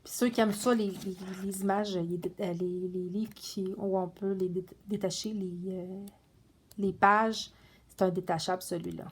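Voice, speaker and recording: A chatty coloring book vlogger with a husky, medium-pitched voice speaks at a moderate pace with fairly even intonation. Her casual show-and-tell talk meanders loosely, full of fillers and restarts.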